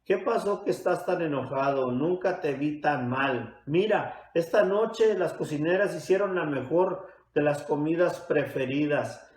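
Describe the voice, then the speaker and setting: A mocking, scheming queen, read aloud by a man. The delivery is coaxing and slow, with the sound of a big, echoing room. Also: fairly high pitch, darkish tone, close to an everyday voice. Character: scheming cruel queen, woman.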